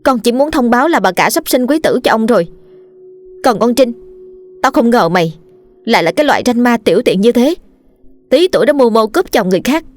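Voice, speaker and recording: A woman voicing a quick-witted young servant girl who talks briskly and scornfully. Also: mid-range voice, soft background music, close to an everyday voice. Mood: angry scorn. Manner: brisk, sharp, contemptuous.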